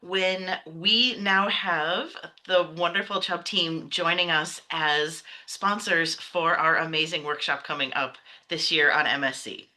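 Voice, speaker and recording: A woman's voice: on the low side, unhurried, few pauses, bright, forceful tone. An upbeat, enthusiastic woman hosting an interview over a video call. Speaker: host.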